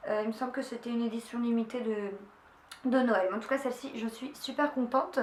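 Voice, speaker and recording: A woman's voice: a little high, fairly even intonation, brisk, a little hiss or hum. A young woman chatting casually through a beauty haul, enthusiastic and full of fillers and restarts. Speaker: beauty vlogger. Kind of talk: casual haul video chat. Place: room at home. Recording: echoey room, faint ambience.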